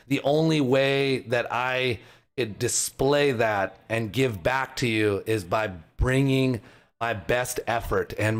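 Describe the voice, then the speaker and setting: A man casting a school esports match live, shouting the plays and then talking emotionally about his players. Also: medium pitch. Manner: excited shouting play-by-play; emotional, rambling heartfelt talk. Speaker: esports caster. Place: lobby, alone.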